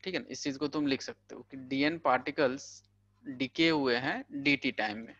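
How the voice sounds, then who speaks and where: Chatty man teaching physics, bright voice. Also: medium pitch, moderate pace, no echo, muffled recording. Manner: chatty, peppers talk with "thik hai" and "bhai"; explains with everyday money examples. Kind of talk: casual Hindi lecture for exam prep.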